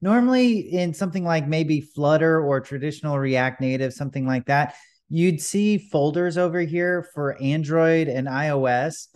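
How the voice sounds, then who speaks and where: A man's voice: on the high side, moderate pace, darkish tone. A man hosting a coding tutorial, talking casually over a screen recording with frequent fillers. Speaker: developer tutorial host. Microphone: voice-over on a desktop screen recording.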